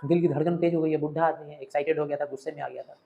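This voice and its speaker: A male teacher explaining a play line by line in a lively lesson, acting out the scenes as he goes. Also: a little high, very fast, gravelly, highs cut off. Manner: animated, acts out scenes while explaining. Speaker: literature teacher.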